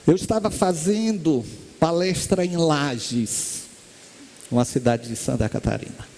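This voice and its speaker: Brazilian guy giving a spiritist lecture, highish voice, lively storytelling, does the voices. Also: a little slow. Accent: Brazilian Portuguese. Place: lecture hall stage.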